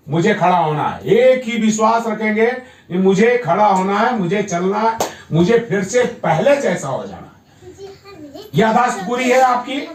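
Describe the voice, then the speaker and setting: A man working as a yoga therapist, firmly coaxing a patient at home and repeating his encouragement. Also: sits high. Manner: firm, coaxing, repeats himself. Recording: echoey room, mic at a distance.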